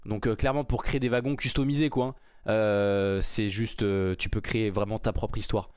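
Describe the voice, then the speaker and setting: A man giving casual, excited commentary while reacting to a game trailer, rambling with many fillers and restarts. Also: on the low side, normal speed, clean tone, no room sound, studio quality. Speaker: gaming YouTuber reacting to a trailer.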